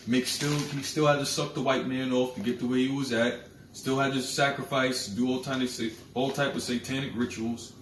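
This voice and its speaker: A man's voice: mid-range voice, little pitch movement, normal speed. Man preaching doom from across a roomy space. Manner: declamatory, rising loud when reading verses. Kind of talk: fiery scripture preaching and commentary. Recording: roomy, distant mic with faint noise.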